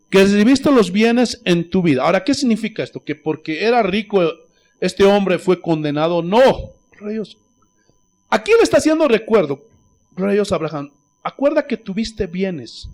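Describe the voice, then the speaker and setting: A male pastor from Bolivia preaching a sermon with fervor, swinging between loud outbursts and hushed asides, often repeating praise phrases. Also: sits high. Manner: fervent, rising to shouts and dropping to near-whispers; peppers speech with "gloria a Dios".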